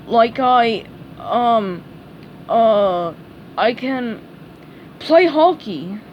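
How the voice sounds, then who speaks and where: Woman doing dopey starfish guy, slow, friendly, hesitant, storybook. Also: a little high, animated, highs cut off, slight background noise. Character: dim-witted friendly adult male starfish. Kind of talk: storybook read-aloud.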